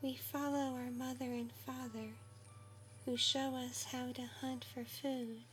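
A woman voicing a tender, protective mother fox, softly whispering as she tucks her kits into bed. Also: high-pitched, level tone, unhurried, faint music behind. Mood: storytelling. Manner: soft whispering, soothing and affectionate. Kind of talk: ASMR roleplay, bedtime storytelling.

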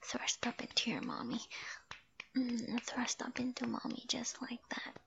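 A young adult woman speaking in a soft, hushed whisper with frequent sighs, performing an intimate roleplay. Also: fairly high pitch, flat delivery, measured pace, vocal fry, highs cut off.

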